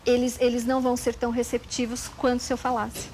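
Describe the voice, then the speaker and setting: A Brazilian woman lawyer calmly explaining legal procedures step by step as an interview guest. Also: a little high, fast talker, a little hiss or hum, rough recording. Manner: calm, methodical, precise explanations.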